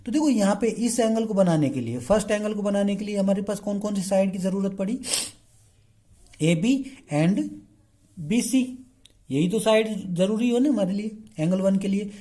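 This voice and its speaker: A man with a mellow, warm tone teaches a math class. He switches freely between Hindi and English terms, poses questions to the class and answers them himself, and keeps checking in with the students. He slows to a drawn-out pace while writing on the board. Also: sits high. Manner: keeps checking in with the class by saying "okay" again and again. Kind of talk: explaining a lesson.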